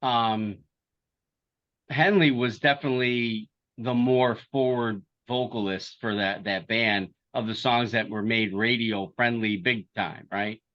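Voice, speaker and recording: A man's voice: lowish voice, fairly even intonation, measured pace, highs cut off. A man hosting a casual panel chat, rambling and joking with old-fashioned slang. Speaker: podcast host.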